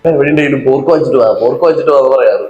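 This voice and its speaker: A man's voice: mid-range voice, racing, darkish tone, dull audio, a little hiss or hum. A man chatting casually and bantering as a companion on a food vlog. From Thrissur, Kerala. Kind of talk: casual chat.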